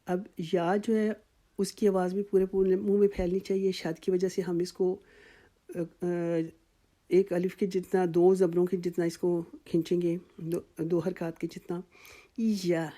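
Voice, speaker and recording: A woman with a Pakistani Urdu accent giving a tajweed lesson. She explains each sound patiently and stretches the example words out slowly. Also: lowish voice, little pitch movement, warm tone. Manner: patient, drawn-out demonstration of sounds. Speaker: Quran recitation teacher.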